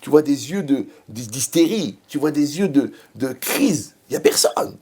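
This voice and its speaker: A man's voice: mid-range voice, big pitch swings, normal speed, dark tone, breathy edge. A man giving a Torah lecture as a rabbi, mixing jokes with rhetorical questions to his audience. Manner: joking, asks rhetorical questions.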